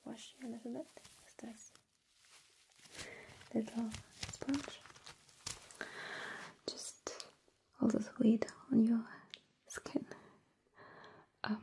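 A woman whispering softly and gently in an ASMR roleplay, caring for someone as a nurse-like caregiver. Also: a little high, steady tone, slight background noise, poor audio. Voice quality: breathy whisper. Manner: soft, gentle, slow whispering. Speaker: ASMR performer.

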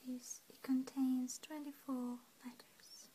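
A woman teacher giving an ASMR language lesson, whispering softly throughout with calm, gentle instructions. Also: high-pitched, unhurried, slight background noise, poor audio.

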